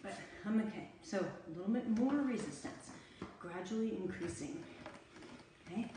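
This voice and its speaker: A woman's voice: medium pitch, expressive, normal speed, background noise. A middle-aged woman giving casual workout instruction while exercising at home, chatty and short of breath between bursts. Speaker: fitness instructor. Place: home room near stairs. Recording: echoey room, camera far off.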